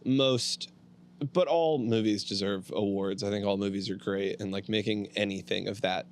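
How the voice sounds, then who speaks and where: A man's voice: fairly low pitch, normal speed, a little hiss or hum. A man filling in as co-host, chatting casually and loosely, full of "dude" and "like". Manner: laid-back, lots of "dude" and "like". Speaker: guest co-host, producer. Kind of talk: casual chat.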